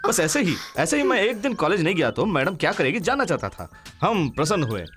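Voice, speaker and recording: A man's voice: high voice, very animated, a little fast, fairly bright tone, faint music behind. A man dubbing a cheeky young man who playfully teases his sweetheart, laughing as he talks, in a Hindi film dub. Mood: teasing. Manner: playful, teasing, laughing often. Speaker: male lead of a dubbed film.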